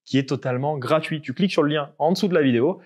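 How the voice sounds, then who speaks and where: A young man fitness coach explaining tips to the viewer in a casual way, often checking in with a quick "ok?". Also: fairly high pitch, darkish tone.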